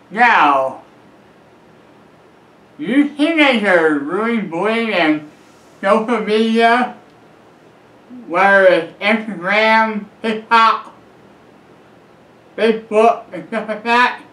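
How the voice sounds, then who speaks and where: A man's voice: sits high, expressive, slow pace, pauses often, sharp tone. A middle-aged man giving earnest, repetitive advice straight to camera from a room at home. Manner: earnest, repetitive, calls himself by a nickname. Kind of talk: direct-to-camera advice vlog. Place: small room at home, leather armchair by a bookshelf. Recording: echoey small room.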